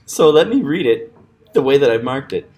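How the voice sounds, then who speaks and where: A man teaching acting script marking in a chatty, animated screen-recorded tutorial, laughing often. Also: medium pitch, normal speed.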